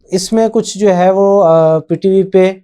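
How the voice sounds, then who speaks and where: A channel host talks through a topic in casual spoken commentary, his voice high but dark-toned and clean. He rambles, hesitates often, and mixes in English phrases.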